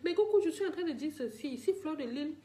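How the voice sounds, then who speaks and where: A woman's voice: high voice, lively intonation, fairly quick, dark tone. An older woman ranting emotionally to her live-stream viewers, pleading and repeating herself as she talks straight to them. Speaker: livestreamer addressing viewers.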